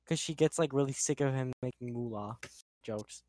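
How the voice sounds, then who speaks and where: A man's voice: mid-range voice, normal speed, a little mellow, slight background noise. A young man co-hosting a casual chat, rambling with many filler words. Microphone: own microphone on a tripod.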